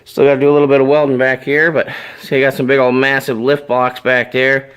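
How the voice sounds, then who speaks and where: A man with a cold and a voice going hoarse, giving a laid-back, rambling walkaround of a project in a casual vlog. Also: mid-range voice, little pitch movement, brisk, a bit bright. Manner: laid-back, rambling, lots of "uh" and "you know". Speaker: vlogger.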